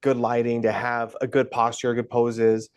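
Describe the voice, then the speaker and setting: A man's voice: medium pitch, completely flat delivery, normal speed. A man co-hosting a casual podcast, talking with enthusiastic, gushing praise. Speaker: podcast co-host.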